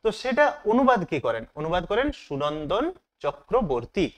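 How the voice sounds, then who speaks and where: A man's voice: sits high, sing-song, normal speed, a little hiss or hum. A male teacher going through a test paper in an online lesson, asking the students questions and then answering them himself. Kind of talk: online exam-prep lesson.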